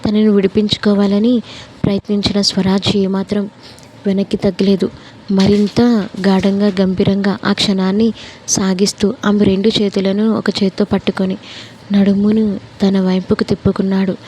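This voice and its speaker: A woman narrating a romance story aloud in a steady, even manner. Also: medium pitch, normal speed, a little hiss or hum, low-quality recording.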